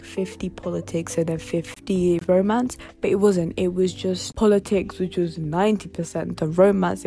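A woman's voice: medium pitch, gravelly, warm tone. A woman in her late teens, chatting casually and rambling, giggly and talking to herself on her home podcast. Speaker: podcast host. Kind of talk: casual solo podcast chat.

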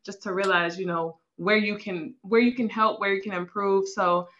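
A woman's voice: medium pitch, fairly even intonation, normal speed, a bit bright. Upbeat woman host, dull lo-fi sound. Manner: upbeat, encouraging, repeats phrases. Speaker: podcast host. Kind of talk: casual interview hosting.

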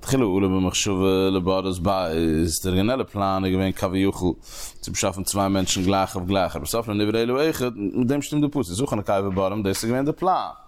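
A man teaching a Talmud lesson, explaining the text in halting phrases that he repeats and restarts. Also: sits low, clear, resonant tone.

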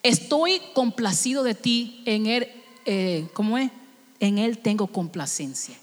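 A woman pastor from the Dominican Republic preaching a sermon in short phrases, pausing for her interpreter. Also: on the high side, animated. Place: church hall. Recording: long reverb of a large hall.

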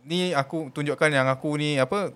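A man's voice: a little high, normal speed, a bit bright. A man chatting casually in colloquial speech with some English words mixed in. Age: adult parent. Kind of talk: casual chat.

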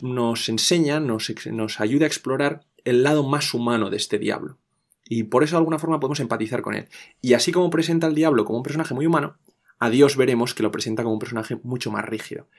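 A man explaining a classic poem in a conversational podcast, animated and often restarting his sentences. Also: medium pitch. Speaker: literature guest explaining a classic.

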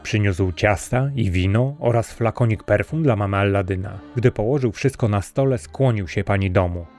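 Deep, mellow male storyteller. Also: moderate pace, faint music behind. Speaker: narrator. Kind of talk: storybook narration.

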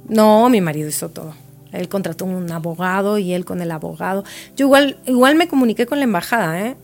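A woman's voice: mid-range voice, brisk, gravelly, a little mellow, soft background music. Reflective woman telling her story. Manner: reflective, repeats words for emphasis. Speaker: guest. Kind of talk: personal storytelling in a podcast interview.

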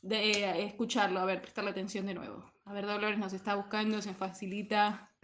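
Una mujer que modera un programa de radio paródico con un trato ceremonioso y teatral hacia sus compañeros. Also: female voice, medium pitch, little pitch movement, a little fast, fairly bright tone, a little hiss or hum. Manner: theatrical, courteous, mock-formal address. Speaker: panel moderator on a parody radio show. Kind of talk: mock-formal radio moderating.

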